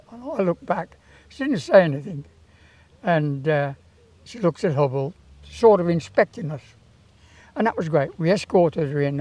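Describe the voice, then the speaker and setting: An elderly man in his eighties telling anecdotes from memory in an interview, in an unhurried, rambling way with hesitations. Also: on the high side, darkish tone, dry recording, highs cut off. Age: 80s. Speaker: town crier and former Tower of London yeoman warder. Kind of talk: reminiscing in interview, anecdotal storytelling.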